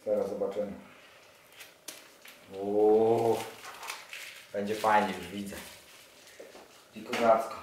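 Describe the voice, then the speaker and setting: With a fairly low, steady voice, a man in his forties speaks slowly and pauses often while unboxing motorcycle gear for his vlog, casual and enthusiastic as he thinks aloud over it. He's seated at a table in a small indoor room, and the distant camera mic leaves it echoey with audible handling noise.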